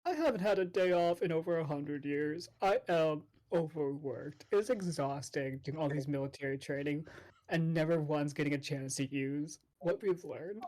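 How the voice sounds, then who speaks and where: A woman's voice: low voice, moderate pace, dark tone, natural voice, low-quality recording. A woman voicing an overworked, unappreciated celestial soldier in a tabletop game, plaintive and exaggerated. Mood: plaintive, weary.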